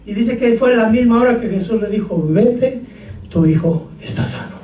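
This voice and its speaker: A male pastor preaching a sermon, shouting scripture and joking with his congregation. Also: very high voice, normal speed, crowd noise. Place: church hall. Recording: echoey room, far from mic.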